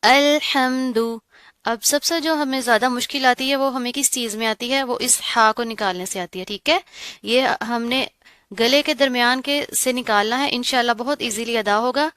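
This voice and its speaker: A woman teaching Quran recitation rules, explaining patiently and often checking in with the learner, with slow, melodic recitation. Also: a little high, a bit bright, clear, resonant tone, dry recording. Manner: recites verses slowly and melodically. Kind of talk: tajweed lesson.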